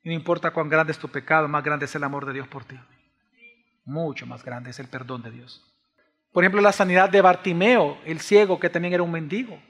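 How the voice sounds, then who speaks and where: High-voiced preacher in a hall. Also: male voice, a little fast. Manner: swings from hushed pleading to raised, emphatic preaching. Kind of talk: sermon. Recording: long reverb of a large hall.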